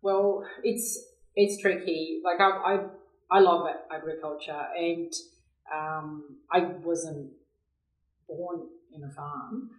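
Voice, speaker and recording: This Brazilian woman from São Paulo, an agribusiness professional, is a podcast guest answering interview questions conversationally in a Brazilian accent. Her voice is deep and steady at a slow pace, and she often repeats words while searching for phrasing. The recording sounds roomy and echoey.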